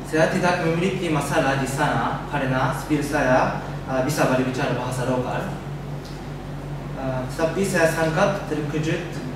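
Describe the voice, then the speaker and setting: A man's voice: a little high, normal speed. A young man from Japan with a Japanese accent gives a prepared speech as a foreign student, carefully speaking a language he has learned. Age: young adult. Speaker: exchange student giving a presentation. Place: echoey indoor room. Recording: echoey room, distant mic, loud noise.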